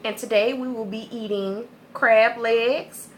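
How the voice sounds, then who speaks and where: A young woman hosting a casual eating-show video, chatting in a friendly way and pausing with fillers as she describes the food. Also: fairly high pitch, steady tone, slight background noise. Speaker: mukbang vlogger host.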